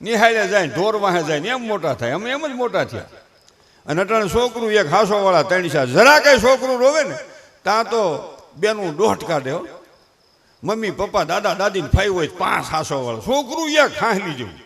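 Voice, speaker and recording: Older man, high voice, Kathiyawadi Gujarati accent; folksy stage comic who preaches as he jokes. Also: very animated, fairly quick, a bit bright. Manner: folksy, preachy, with rustic dialect. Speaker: folk comedian and speaker. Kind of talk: humorous stage talk with moral advice. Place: stage before a live audience.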